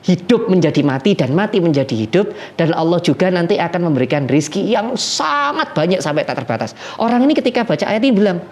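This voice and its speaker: A man's voice: high voice, quick pace, few pauses. A man preaching, telling a story and acting out the people in it. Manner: lively storyteller who acts out the people in his tale. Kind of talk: storytelling sermon.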